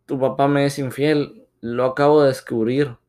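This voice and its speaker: A heartbroken older wife and mother, sobbing and then lashing out in fury, as a male storyteller puts her on. Her voice sits at a middling pitch, torn by grief. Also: normal speed, a little mellow, natural voice. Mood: weeping. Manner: weeping, distraught and furious.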